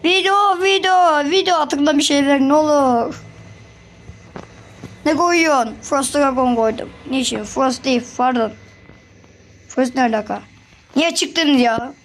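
A high-pitched woman gives casual gameplay commentary for her channel. She is excitable and chatty, calling out to other players and repeating words in quick bursts, with a faint hiss behind her. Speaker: gaming channel host.

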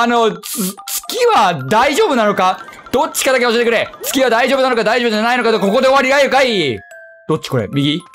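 A young man with a Kyushu lilt narrates a platform game as he plays. His fast, bouncy delivery jumps between high excited yelps and low mutters, with game music softly underneath. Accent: Kyushu Japanese. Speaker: game streamer. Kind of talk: let's play commentary.

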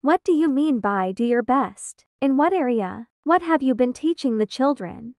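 A woman voicing an excitable, easily flustered young romance heroine in a comic dub. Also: sits high, normal speed, no echo, clean studio sound. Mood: indignant. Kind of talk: dubbed comic dialogue.

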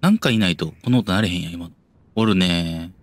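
A man's voice: deep voice, brisk. A young man with a Kansai accent, commenting on a horror game as a streamer, muttering to himself and yelping when startled. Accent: Kansai Japanese. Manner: jumpy, yelps and mutters to himself, talks himself down.

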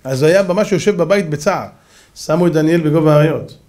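A rabbi giving a lively sermon, telling stories and acting out the characters with shouts. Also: male voice, fairly high pitch. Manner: animated, acts out voices and shouts in stories. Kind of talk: sermon with dramatic storytelling.

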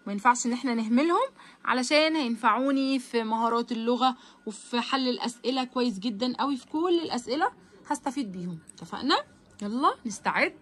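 A woman with an Egyptian Arabic accent teaching English vocabulary, sounding out words slowly and coaxing her students along. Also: a little high, a bit bright. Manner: slow, drawn-out pronunciation of English words; encouraging, addresses students directly. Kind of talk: vocabulary lesson.

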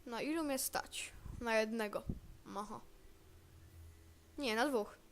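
A woman's voice: on the high side, takes it slowly, slight background noise. A woman giving casual gameplay commentary, chatty and thinking aloud as she plays. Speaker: gamer.

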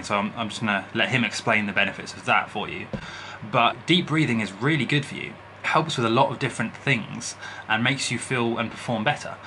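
Bright-voiced young man vlogging casually. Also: medium pitch, a little hiss or hum. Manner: informal, explanatory, frequently checks in with "right?" and "okay?". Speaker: video host giving health advice. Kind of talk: casual direct-to-camera advice vlog. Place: small bedroom, indoors. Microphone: camera at arm's length on a desk.

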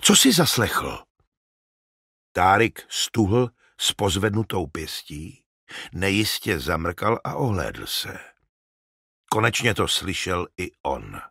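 A man reads an audiobook with dramatic, expressive storytelling. His voice is low and slightly husky, with animated swings of pitch. The studio sound is close and dry, with no room around it. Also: no room sound. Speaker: audiobook narrator. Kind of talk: scripted audiobook narration.

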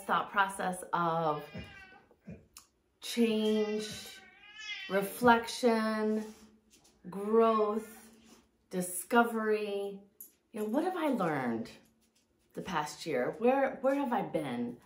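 A woman coach gives a reflective motivational talk, leaning on repeated phrases for emphasis. Her voice sits at a middle pitch. The room around her is roomy and echoey. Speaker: fitness and mindset coach.

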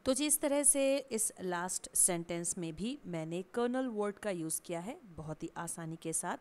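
A woman teaching an English word lesson, slowly spelling words and reading example sentences, mixing Hindi with English terms. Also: on the low side, expressive, darkish tone. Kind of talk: vocabulary lesson.

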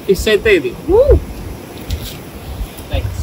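A fishing vlogger from Telangana speaks very slowly while casually narrating his night on a rocky seashore outdoors. Excitable in manner, he keeps switching into English phrases, and the outdoor camera audio is full of wind and surf.

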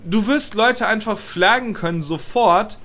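In a small indoor room, a young male political commentator with a cold reads a law text aloud and rants about it, agitated and swearing while mixing in English words. His high voice sounds pushed and bright, and he keeps a measured pace.

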